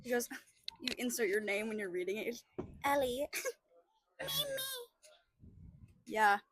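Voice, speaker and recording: A woman's voice: a little high, moderate pace, no room sound. A young woman co-hosting a podcast, chatting in a giggly, teasing way. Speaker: podcast co-host. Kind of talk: casual chat.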